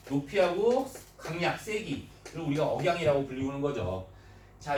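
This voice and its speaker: A man teaching a grammar class, often checking in with his students through short questions and moving between polite and casual speech. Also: sits high. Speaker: Korean language teacher. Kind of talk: classroom lecture. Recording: echoey room, mic at a distance, faint noise.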